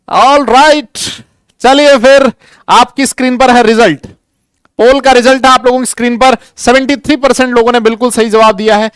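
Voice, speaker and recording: A man's voice: very high-pitched, clear, resonant tone, dry recording. A young man teaching chemistry in a live online class, chatty and jokey, calling students beta as he runs polls.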